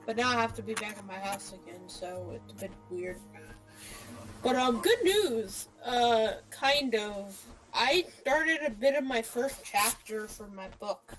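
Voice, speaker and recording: A woman, a friend chatting with the player over a voice chat call, talks casually in a hesitant, rambling way. Her voice is on the high side, lively and a bit bright, a little slow, with soft background music and a rough recording.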